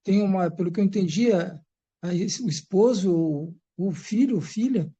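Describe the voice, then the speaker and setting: A man's voice: sits high, dark tone, breathy edge. Guy asking a question on a church live, keeps restarting, darkish voice, kinda muffled lo-fi audio. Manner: halting, with many restarts. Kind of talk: live-stream Q&A.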